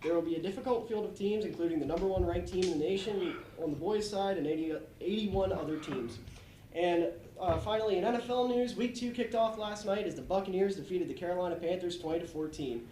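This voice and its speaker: Casting: teenage male sports announcer, high soft-edged voice, echoey room, reading scripted school news. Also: fairly quick. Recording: echoey room, slight noise.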